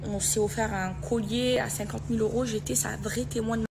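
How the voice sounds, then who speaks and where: Gravelly-voiced young woman telling a story. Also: a little high, fairly even intonation, a little fast. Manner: breathless storytelling, fillers, repeated words. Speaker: reality TV personality. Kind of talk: emotional personal account. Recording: noisy background.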